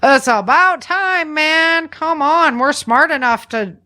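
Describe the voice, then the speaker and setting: High-pitched, bright and pushed, this American podcast host speaks slowly as she runs through news, adding informal, slangy commentary in a chatty way.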